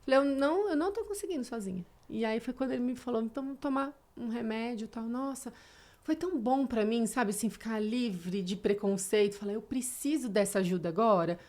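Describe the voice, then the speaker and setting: Rather high for a woman, this Brazilian guest in her thirties talks through her own experiences in an open, reflective way. Her conversation is casual and emotional. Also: a little fast, darkish tone. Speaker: podcast guest.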